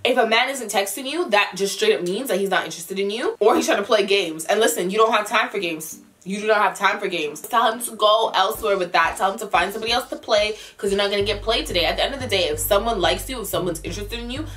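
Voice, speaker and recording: A woman's voice: mid-range voice, quick pace, few pauses, a bit bright, faint music behind. A young adult woman chatting casually as a vlogger answering viewer questions, candid with advice and repeating phrases for emphasis. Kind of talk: casual mukbang chat to camera.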